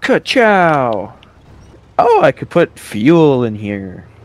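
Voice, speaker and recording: A man's voice: on the high side, very animated, normal speed. A young man in casual, sweary, joking banter while playing a video game.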